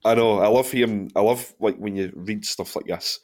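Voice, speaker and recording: A Scottish podcast host in his thirties, with a fairly low, darkish voice, runs a casual football podcast. He banters, laughs quickly, and reads out questions sent in by listeners.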